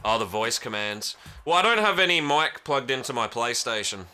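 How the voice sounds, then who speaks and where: Medium in pitch and expressive, this young Australian man speaks at normal speed with a pushed, bright, clear and resonant tone, faint music behind him. He streams a racing game, chatting loosely, answering chat and swearing casually. Game engine noise from the racing audio fills the background.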